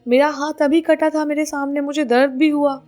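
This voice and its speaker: A woman's voice: high voice, little pitch movement, moderate pace, darkish tone. A woman narrating a spooky story in a conversational way, mixing English words into her telling.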